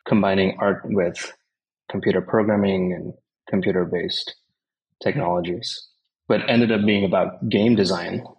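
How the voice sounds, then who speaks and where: A man from India, a tech company co-founder, answering interview questions in a measured, explanatory way. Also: deep voice, poor audio.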